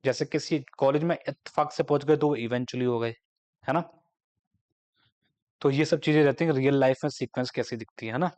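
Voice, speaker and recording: A man giving a math lecture, explaining step by step and slowing down to dictate definitions. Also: mid-range voice, darkish tone. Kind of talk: classroom lecture.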